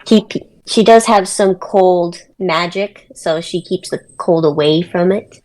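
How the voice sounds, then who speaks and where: Slow-talking woman describing her character. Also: lowish voice, darkish tone, rough recording. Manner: slow, full of ums. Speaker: player.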